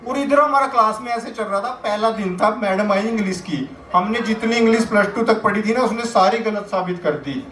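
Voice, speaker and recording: High-voiced young man doing stand-up. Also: moderate pace, few pauses, fairly bright tone, slight background noise. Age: young adult. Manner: chatty anecdotal delivery building to punchlines. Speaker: stand-up comedian. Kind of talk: stand-up comedy storytelling. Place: comedy stage. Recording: echoey room, voice picked up from a distance.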